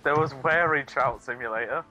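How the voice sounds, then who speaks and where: A man's voice: medium pitch, moderate pace, bright, forceful tone, soft background music, low-quality recording. A young man joking around as co-host of a casual gaming chat. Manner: joking, playful.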